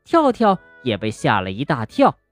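A woman narrating a children's bedtime story gently and expressively, speaking to a young listener. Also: a bass voice, huge pitch swings, normal speed, soft background music.

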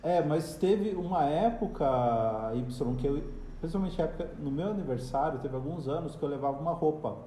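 A man's voice: fairly high pitch, expressive, moderate pace, warm tone, a little hiss or hum. A Brazilian man hosting a casual podcast, telling stories with dramatic, exasperated flair and campy slang. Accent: Brazilian Portuguese. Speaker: podcast host. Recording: roomy echo.

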